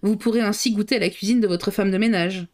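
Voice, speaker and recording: A woman reading aloud voices a calm, kindly older male detective. He speaks in a measured, good-natured way, close to her own voice. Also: mid-range voice, close to an everyday voice.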